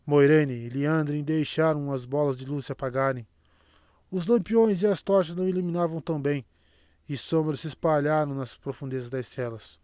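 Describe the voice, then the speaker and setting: A man's voice: on the high side, moderate pace, no room sound. Man narrating an audiobook, dry and close. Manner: steady, even storytelling. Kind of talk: scripted narration.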